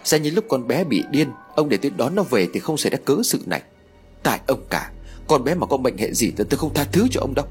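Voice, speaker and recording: A man's voice: mid-range voice, big pitch swings, fast talker, darkish tone, soft background music, voice pushed up, close to an everyday voice. A man reading an audio story, voicing a grief-stricken older mother who wails and blames her husband. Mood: distraught. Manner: tearful, pleading outbursts.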